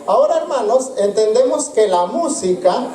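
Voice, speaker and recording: A man teaching music to a church congregation, halting and filler-heavy, calling his listeners brothers and sisters. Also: high-pitched, animated, dark tone, slight background noise. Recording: roomy sound from a distance, with music.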